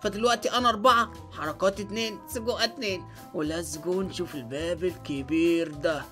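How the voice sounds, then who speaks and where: A young man with an Egyptian Arabic accent hosting an excited let's-play commentary, dropping English exclamations as he plays. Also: high-pitched, quick pace. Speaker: gaming channel host. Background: faint background music.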